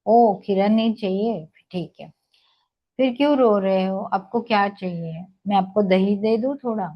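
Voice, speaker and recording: A woman's voice: medium pitch, a little slow, dull audio, natural voice. A woman doing a sweet coaxing milkmaid. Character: kind village milkmaid coaxing a crying toddler.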